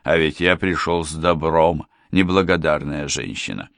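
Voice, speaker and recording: A man's voice: extremely low pitch, animated, moderate pace, vocal fry, fairly bright tone, no echo, studio quality, full character voice. A man voicing a scheming impostor preacher who speaks with insolent contempt. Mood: contemptuous. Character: sneering scheming middle-aged male impostor preacher.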